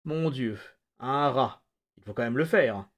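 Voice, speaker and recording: A man voicing a sinister, mocking male stranger who taunts with false warmth. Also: medium pitch, measured pace, close to an everyday voice. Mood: mock-friendly. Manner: silky, taunting, mock-friendly. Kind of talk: audiobook-style reading.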